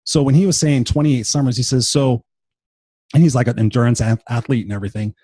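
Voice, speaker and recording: A man in his fifties delivers an unscripted motivational monologue, swearing freely and pressing his points hard. His voice is husky and sits at a middle pitch. He sounds worn out and unwell, and the recording is dry with no room sound. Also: steady tone, quick pace, dark tone, no room sound. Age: 50s. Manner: blunt, profane, emphatic. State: tired and unwell. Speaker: motivational podcast host.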